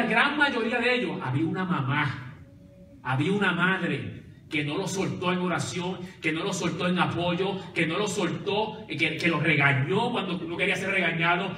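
A man's voice: sits high, sharp tone. A male pastor preaching a sermon, calling out to his congregation for responses. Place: church sanctuary. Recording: echoey church hall from far off.

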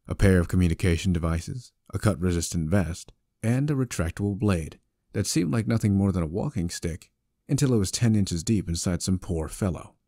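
A male narrator tells a story with a wry, conversational delivery. His voice is deep and mellow, and it is recorded close and dry. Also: dry recording. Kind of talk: scripted audiobook narration.

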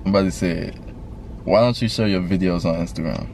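A man's voice: a little fast, vocal fry, a little mellow. A 19-year-old man with a Memphis Southern accent chatting casually while eating in a parked car, laid-back and full of slang. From Memphis, Tennessee. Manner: laid-back slang, jumps high when surprised. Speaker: YouTuber hosting a Q&A mukbang. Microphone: camera on dashboard. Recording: noisy car interior.

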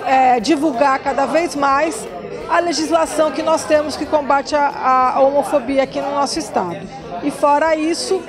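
A woman in her forties, a public official, giving an emphatic, speech-like on-camera interview into a handheld mic in an auditorium. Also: sits high. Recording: music and crowd chatter behind.

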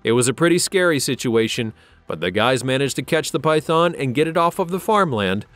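A man narrating a scripted wildlife countdown, steady with dramatic emphasis, over faint music. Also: medium pitch, fairly quick, no echo. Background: faint background music.

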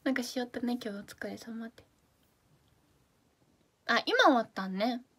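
Young fukuoka girl chatting on her stream, hakata accent, high bright voice, bubbly with soft little asides. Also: normal speed. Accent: Hakata dialect. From Fukuoka, Japan. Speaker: idol livestream host. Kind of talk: casual livestream chat reading comments.

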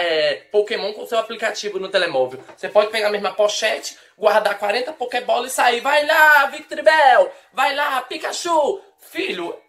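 A woman's voice: medium pitch, a bit bright. A Brazilian woman talks straight to her viewers in a comic opinion rant. She is blunt and teasing, and she exaggerates everything with mock outrage. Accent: Brazilian Portuguese. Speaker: vlogger.

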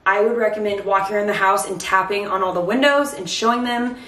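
A woman's voice: mid-range voice, fast, a bit bright. A woman in her thirties talks to camera in a chatty, instructional way. She sounds short of breath as she explains things step by step. The recording is echoey, with the microphone set some distance off in a kitchen. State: breathless from late pregnancy. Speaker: host of a pet bird channel. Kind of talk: casual instructional talk to camera. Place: home kitchen, indoors.

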